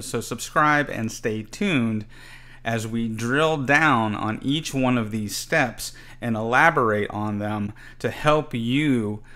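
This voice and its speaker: A man's voice: mid-range voice, fairly bright tone. A middle-aged man hosting his own channel, giving an earnest, scripted explanation of how to prepare a tabletop game campaign. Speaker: channel host. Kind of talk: scripted tutorial narration.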